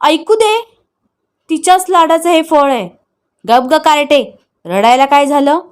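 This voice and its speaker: A woman's voice: high voice, animated, moderate pace. Woman doing an angry scolding brother. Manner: harsh, scolding. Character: angry, contemptuous older brother, harsh and scolding.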